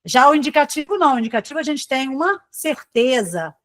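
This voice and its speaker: A Brazilian woman teaching a live online exam-prep class in a fairly high voice. She talks in a chatty, informal way, calls on students by name and tags her sentences with quick checks. The sound is dry and close, with no room echo. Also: very animated. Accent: Brazilian Portuguese. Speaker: Portuguese teacher.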